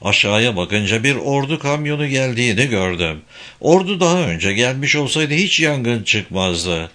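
A man giving a steady, measured audiobook narration of a novel. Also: mid-range voice. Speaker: audiobook reader. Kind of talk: scripted narration.

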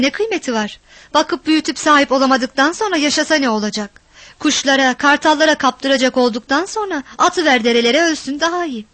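A woman's voice: sits high, a bit bright, dry recording. A woman voicing a grieving, bitter old village grandmother in a read story.

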